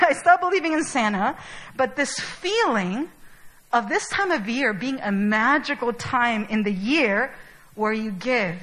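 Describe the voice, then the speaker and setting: A woman's voice: a little high, a bit bright, rough recording. A young adult woman from Chile giving a sermon in a casual, chatty way, with many fillers. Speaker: preacher.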